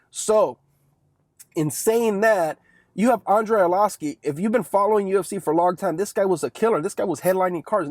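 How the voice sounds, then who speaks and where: A man's voice: high voice, darkish tone, dry recording, studio quality. A young man talking through a casual one-take sports monologue, rambling and chatty and often tagging lines with "right?". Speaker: sports commentary vlogger.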